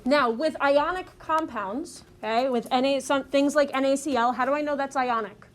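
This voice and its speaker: A woman's voice: sits high, normal speed. A woman teaching a chemistry class, explaining step by step and checking in with "okay?" and "right?" after nearly every point. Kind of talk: classroom lecture.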